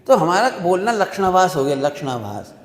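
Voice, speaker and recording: High-voiced guy teaching a class, keeps asking "got it?", long hall echo. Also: very animated. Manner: keeps asking listeners if they understood; explains slowly with everyday examples. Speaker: religious teacher leading a workshop. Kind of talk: classroom-style religious discourse. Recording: reverberant hall sound.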